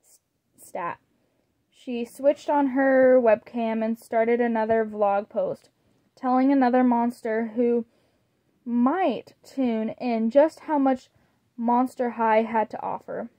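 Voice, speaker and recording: Woman storybook reader, high voice, gentle deliberate read-aloud. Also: steady tone. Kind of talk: reading a children's book aloud.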